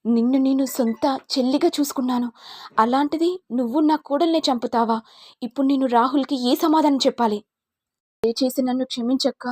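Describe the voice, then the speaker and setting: A woman voicing a furious, vengeful middle-aged mother-in-law who shouts accusations. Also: high-pitched, fairly quick, no echo, studio quality, voice pushed up. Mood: pleading.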